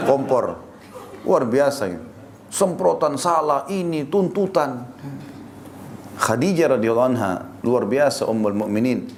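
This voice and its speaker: A man delivers a sermon at a middle pitch, full of energy and sudden rises for emphasis. He talks to his listeners as friends, and faint ambience sits behind his voice. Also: a little mellow, slight background noise. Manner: addresses listeners directly as friends. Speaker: preacher.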